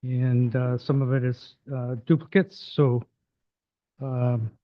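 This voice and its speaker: A man addressing a town council as a delegate, a little hoarse, hesitant with many fillers and restarts as he reads his report. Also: medium pitch, fairly even intonation, slow pace, no echo. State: losing his voice. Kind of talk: formal public delegation, partly read aloud. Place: council chamber, delegation table. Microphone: table microphone. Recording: tinny phone-like council mic feed.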